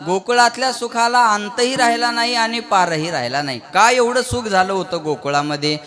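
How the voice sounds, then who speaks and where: Bright-voiced Marathi kirtan preacher. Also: male voice, high voice, moderate pace. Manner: storytelling with acted voices, humor and sung verses. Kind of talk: kirtan sermon. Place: outdoor village gathering.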